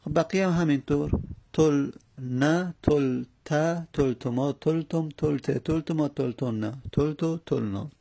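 A man teaching a grammar lesson, explaining slowly step by step with many pauses and fillers. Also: a little high, vocal fry, mellow.

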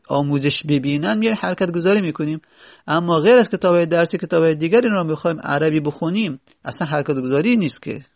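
A man's voice: a little high, creaky. A man teaching Arabic grammar in a seminary-style lecture. He reads short Arabic phrases, then explains and repeats them.

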